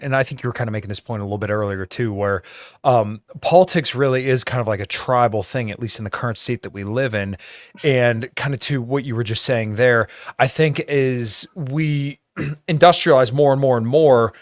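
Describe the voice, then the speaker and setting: A man's voice: mid-range voice, a little fast, no room sound, studio quality. A man hosting a podcast, talking politics casually with lots of swearing and "you know". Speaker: podcast host.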